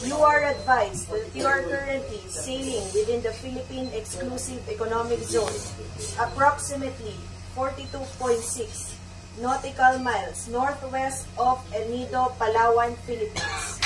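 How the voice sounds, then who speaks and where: A woman's voice: sits high, steady tone, normal speed. A woman coast guard radio operator giving a firm, formal warning over a marine radio transmission. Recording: distant echoey marine radio.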